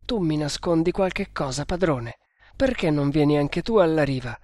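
A man voicing a loyal, anxious male servant who speaks in hushed, urgent pleas. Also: fairly high pitch, lively intonation, normal speed, close to an everyday voice. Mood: pleading.

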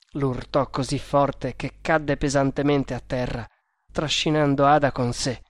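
A man reading an adventure novel aloud as audiobook narrator, in a measured, dramatic manner. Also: fairly high pitch, no echo, clean studio sound.

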